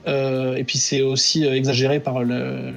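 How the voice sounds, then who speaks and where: A man's voice: medium pitch, level tone, normal speed, gravelly. A man reviewing comics on a podcast in casual chat, hesitant with many fillers and enthusiastic.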